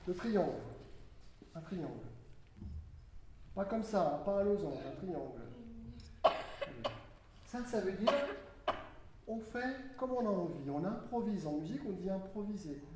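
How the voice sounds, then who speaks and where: A music teacher leading a group with hand signs, coaxing and animated, giving quick instructions. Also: medium pitch. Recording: very echoey room with steady background noise.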